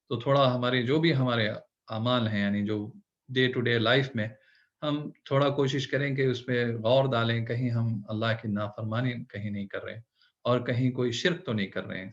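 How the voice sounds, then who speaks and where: A man teaching an online Urdu lesson, patient, repeating words slowly and checking often that the learner follows. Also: mid-range voice. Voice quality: Hindi-English code-switching. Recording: dull lo-fi recording.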